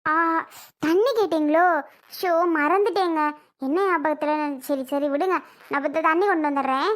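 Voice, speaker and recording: A woman's voice: high-pitched, moderate pace, close to an everyday voice. A woman playing a forgetful young wife who apologizes to her husband and then defends herself against her mother-in-law in a family skit. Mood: apologetic.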